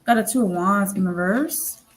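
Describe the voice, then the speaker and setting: A woman's voice: mid-range voice, normal speed. Rambling woman reading tarot. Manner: rambling and repetitive, full of fillers and casual swearing. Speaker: tarot reader.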